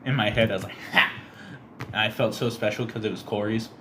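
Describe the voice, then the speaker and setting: A young man co-hosting a casual podcast, telling stories animatedly and acting out quotes in a squeaky high voice. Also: fairly even intonation, quick pace, noisy background. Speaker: podcast co-host. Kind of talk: casual chat.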